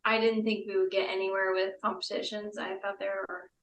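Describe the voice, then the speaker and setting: A woman's voice: medium pitch, level tone, a little fast. A woman in a casual, conversational chat. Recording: roomy echo, distant from mic.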